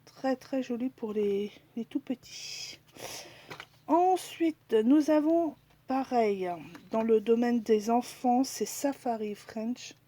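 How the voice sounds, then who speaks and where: A woman talks slowly through a casual haul video with a mellow, rounded voice. She pauses often with fillers and sometimes sinks into a whisper while showing her things. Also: fairly high pitch. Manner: chatty, hesitant, with many fillers. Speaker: crafting vlogger.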